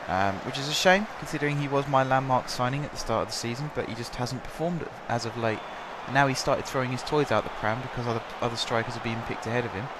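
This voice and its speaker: Talking quickly with few pauses, the young commentator keeps up his filler-heavy, rambling chat over a football management game. His voice is medium in pitch and sounds affected by a sore throat. The background is noisy.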